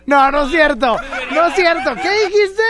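A woman hosting a radio call-in show, teasing and playful with callers and quick to laugh. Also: sits high, animated, a crowd in the background. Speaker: radio host taking song requests. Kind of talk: casual call-in banter. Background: music.

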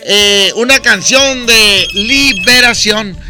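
A man with a Mexican accent hosting a radio request show, trading loud jokes with callers. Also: high-pitched, takes it slowly, soft background music. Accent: Mexican Spanish. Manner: loud joking banter with callers. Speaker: radio DJ host.

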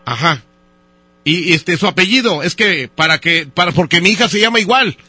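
A male radio host runs a prank call, playing a hesitant customer who stumbles through fillers before slipping in teasing jokes. His voice sits high and sounds very bright and cutting. The sound is dry and close, with a little music under it. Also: lively intonation, normal speed, breathy edge, dry recording. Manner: teasing and joking.

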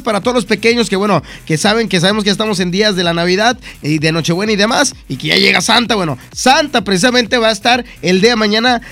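A man, hosting a lively promotional chat on the radio. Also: high voice. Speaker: radio show host.

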